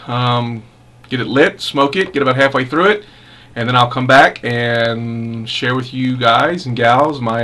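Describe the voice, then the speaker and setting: Unhurried and halting, this pipe tobacco reviewer muses through a casual product review, clearly relishing what he's tasting. He speaks in a mid-range voice with a fairly bright tone.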